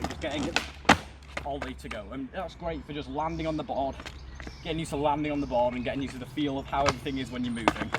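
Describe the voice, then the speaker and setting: Young man, breathless outdoor skate tutorial. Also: on the high side. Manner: chatty, loose and informal, swearing now and then. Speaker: skateboarding vlogger. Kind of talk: casual tutorial. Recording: loud outdoor background noise.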